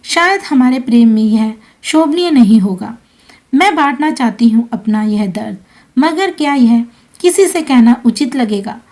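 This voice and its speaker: A woman voicing a grieving young wife reading out her own letter, in a soft, sorrowful way. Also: fairly high pitch, lively intonation, unhurried.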